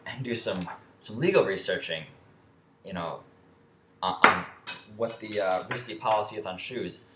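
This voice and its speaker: A young man telling a story in a rambling, profane way, with many restarts and fillers. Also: deep voice. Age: young adult. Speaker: vlogger. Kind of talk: casual storytelling rant. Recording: echoey room with faint ambient noise.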